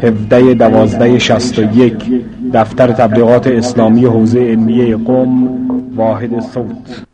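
Flat-voiced male announcer over music. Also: mid-range voice. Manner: slow, even announcing. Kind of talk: formal recorded introduction.

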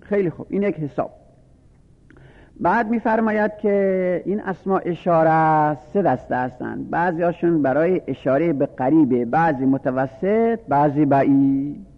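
Male teacher, gravelly, patient drilling delivery; lo-fi phone-band recording in a reverberant space. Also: a little high. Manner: patient, repetitive enumeration, drilling word forms. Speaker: religious studies teacher. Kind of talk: lecture on Arabic grammar. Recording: phone-like lo-fi audio with long reverb.

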